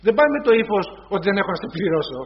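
A high-pitched man delivers a sermon, often turning to his listeners as brothers and acting out little dialogues as he speaks. The recording sounds dull and lo-fi. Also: big pitch swings. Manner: retells scenes in quoted voices, addresses congregation as brothers. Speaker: preacher.

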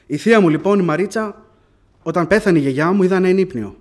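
A man preaching a sermon, telling testimony to the congregation and calling them brothers, rising into fervent prayer. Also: high voice.

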